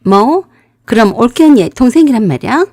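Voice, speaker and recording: A woman's voice: a little high, lively intonation, brisk, a little mellow, no room sound, clean studio sound. A woman voicing a brazen, shameless young woman swindler with a whiny manner.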